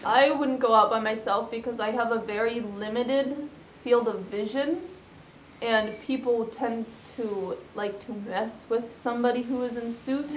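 A young woman answers questions in a casual, halting way, leaning on fillers. Her voice sits a little high. The room around her is echoey, with a faint hum of noise. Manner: hesitant, many fillers and "like". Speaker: interviewee, fursuiter.

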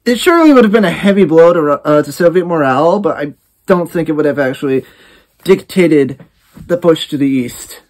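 A man hosting a reaction video, giving casual commentary and thinking aloud with halting restarts. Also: on the high side, animated.

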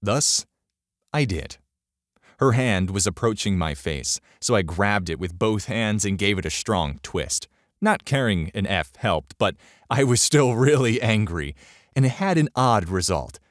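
A man's voice: lowish voice, animated, measured pace, no room sound, clean studio sound. A man narrating a story in a sarcastic, exasperated way.

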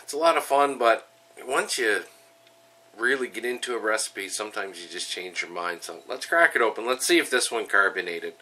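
With a congested nose from a cold, a middle-aged man talks casually and upbeat through his home brew how-to and tasting, dropping lots of ums and uhs. His fairly low voice is animated and sharp at normal speed. Captured from a distance with a bit of hiss, the vlog shifts from his home kitchen to a small room in the house.

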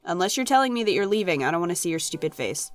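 A woman's voice: fairly low pitch, very animated, racing. A woman with a phlegmy, congested voice giving casual, chatty let's play commentary in playful exasperation. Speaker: gaming channel host. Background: video game music.

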